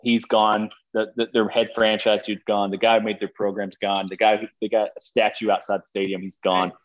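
A man in casual sports-betting chat, rambling and quick to laugh. His voice sits at an ordinary pitch, and the recording sounds dull and lo-fi, as if the mic has its top end cut. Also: flat delivery. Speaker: sports podcast co-host.

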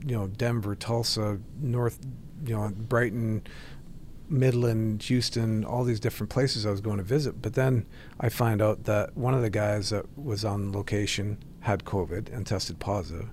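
A man with a lowish voice speaks as a guest in an easygoing conversation, walking through details step by step. A faint rumble sits under the recording. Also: fairly even intonation, normal speed, darkish tone. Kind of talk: casual chat.

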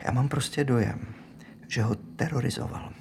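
An actor playing a tense, defensive police detective who pushes hard in questioning, in a radio drama. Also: male voice, mid-range voice, fairly even intonation, gravelly, darkish tone, slightly rough. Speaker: police interrogator.

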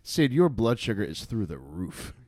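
Teasing man, very animated pitch. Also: normal speed. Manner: teasing, mock compliments. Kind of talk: casual banter among friends.

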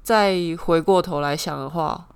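A young woman with a Taiwanese Mandarin accent talks as a podcast guest, her voice a little low. She answers modestly and softly. She laughs at her own stories. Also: a little slow, vocal fry, clean tone. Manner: modest, soft-spoken, laughs at herself. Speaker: volleyball player guest. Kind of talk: casual chat.

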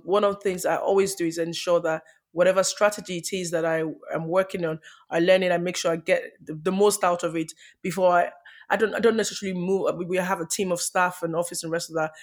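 Even-toned woman in a podcast interview. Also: lowish voice. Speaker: podcast guest, property developer. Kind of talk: casual interview talk.

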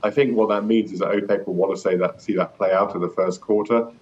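A low-pitched man gives explanatory interview answers as an energy expert. He is measured, now and then repeating himself, over a dull remote line. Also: steady tone, darkish tone. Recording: muffled remote line with rumbling noise.

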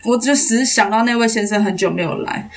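Fast-talking Taiwanese woman telling a story. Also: a little high. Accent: Taiwanese Mandarin. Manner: animated, acts out quoted dialogue. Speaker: actress guest. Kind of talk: casual podcast storytelling.

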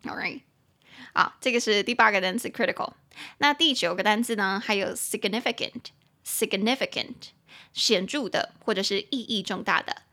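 A woman hosting a casual podcast lesson, translating phrase by phrase and spelling words letter by letter, chatty and quick to joke. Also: mid-range voice, sharp tone. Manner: chatty and joking, laughs easily. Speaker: English teacher and podcast host.

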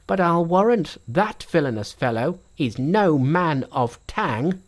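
Man playing a shaky ancient old farmer, slow and muttering, kinda nervous, storybook voice. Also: on the high side, lively intonation, pitched above the performer's own voice. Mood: wary. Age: older. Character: timid ancient farmer, a hundred and thirty.

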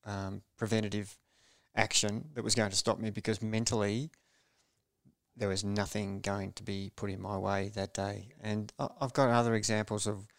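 Low, even-toned man. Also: no room sound. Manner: measured and low-key, often restarting phrases. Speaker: podcast guest, former racing cyclist. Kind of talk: reflective storytelling in a podcast interview.

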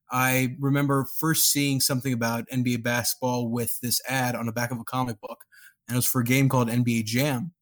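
A man in his thirties from Texas and Pakistan, a journalist telling his story as a podcast guest in an easygoing, expansive way. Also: mid-range voice. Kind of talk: interview storytelling.

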